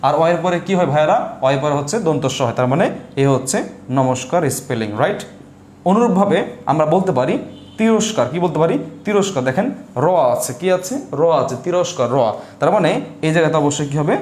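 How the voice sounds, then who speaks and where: A man's voice: on the high side, animated, fast talker, a little mellow, reverberant, slight background noise. A man teaching an online spelling class, asking questions and answering them himself in a patient, drilling way. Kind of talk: live class lecture.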